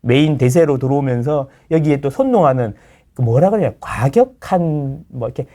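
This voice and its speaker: A man's voice: medium pitch, moderate pace. A middle-aged man, a real estate lecturer, explaining things in casual chat and acting out the people he quotes. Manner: animated, acts out quoted people in voices.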